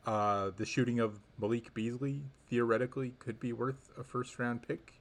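A man co-hosting a sports podcast, giving casual analysis in halting, thoughtful phrases. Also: mid-range voice, fairly even intonation.

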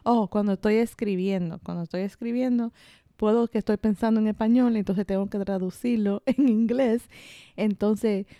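A woman with a soft-edged, mellow voice talks in a casual, informal way. Her slips into Spanglish with small English words. The sound is dry and close, with no room around it. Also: medium pitch, steady tone, moderate pace, dry recording. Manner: Spanish with bits of English mixed in, Spanglish; informal, colloquial with mild swearing. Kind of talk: casual chat.

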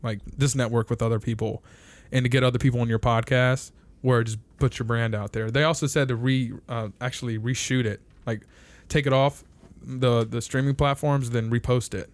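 A man's voice: medium pitch, steady tone, normal speed, hardly any pauses. A young man hosting a casual podcast, rambling, laughing often and swearing loosely. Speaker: podcast host.

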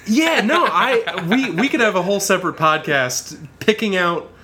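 Animated man co-hosting a podcast. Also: high-pitched, normal speed. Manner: animated, laughs often, restarts sentences. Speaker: podcast co-host. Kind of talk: casual chat.

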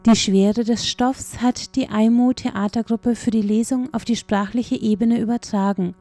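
A woman's voice: a little high, steady tone, measured pace, warm tone, no room sound. A woman reading a scripted cultural report as a radio reporter.

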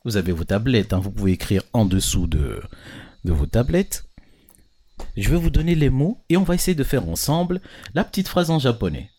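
A man with a mid-range, dark voice and big swings in pitch speaks at normal speed, teaching kids informally through a handheld mic. Patient throughout, he often stops to ask questions that check their understanding.

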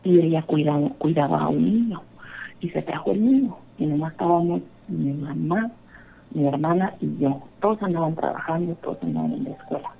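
A woman's voice: low voice, brisk, gravelly, a little hiss or hum. A woman earnestly telling a rambling personal ghost story, calling in by phone. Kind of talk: casual storytelling. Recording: phone line.

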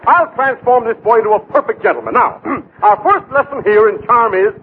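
A man's voice: extremely high pitch, moderate pace. An actor playing a pompous, fussy male etiquette professor in 1940s radio comedy. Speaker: pompous charm-school professor. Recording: tinny old radio broadcast with heavy hiss.

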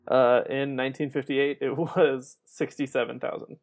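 A man's voice: mid-range voice, flat delivery, moderate pace, slight background noise. Podcast co-host, man, mid-range voice, chatty, laughs easily. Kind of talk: casual podcast chat.

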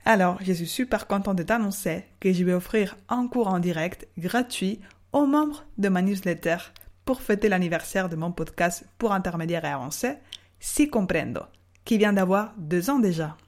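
A woman teaching Spanish on a podcast lesson, speaking slowly and drawing out model words for the listener to repeat. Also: medium pitch, expressive, darkish tone. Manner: slow, carefully spelled-out model words for repeating.

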